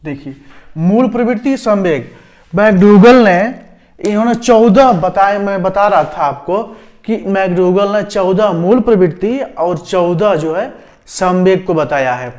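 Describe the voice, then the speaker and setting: A man's voice: high-pitched, measured pace, darkish tone. A man from India teaching a lesson for a teacher-training exam, repeating key terms and often checking that students follow. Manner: repetitive explaining, frequent "समझ गए?" checks. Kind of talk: exam-prep lecture.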